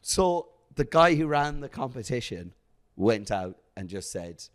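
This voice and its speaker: A young man from South Africa chats as a podcast guest, recounting comedy gigs in an animated, storytelling way. He laughs often, and his voice sits at an ordinary middle pitch. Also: a little slow. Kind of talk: casual podcast chat.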